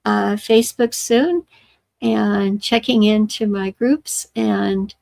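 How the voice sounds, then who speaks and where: An older woman hosting her own live stream, giving a casual, halting update with many pauses and restarts. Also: mid-range voice, gravelly, a little mellow, dry recording. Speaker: livestream host.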